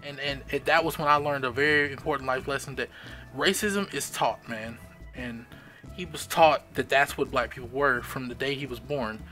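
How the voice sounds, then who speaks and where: A man's voice: medium pitch, bright, forceful tone. A man chatting casually on a live stream, telling stories in an emphatic, swearing manner. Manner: storytelling, emphatic, swears freely. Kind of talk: casual chat.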